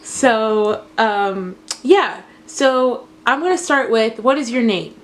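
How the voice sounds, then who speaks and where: A young woman in her twenties with a fairly high voice leads a casual interview with her father. She talks in a loose, chatty way, full of "um" and "you know," and keeps her questions simple and friendly. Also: slow pace. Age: 20s. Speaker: interviewer, daughter.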